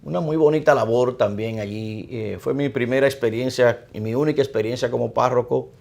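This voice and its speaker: Gravelly-voiced Dominican priest. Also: male voice, mid-range voice, a little mellow. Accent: Dominican Spanish. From Dominican Republic. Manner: measured, reflective recounting. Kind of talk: interview.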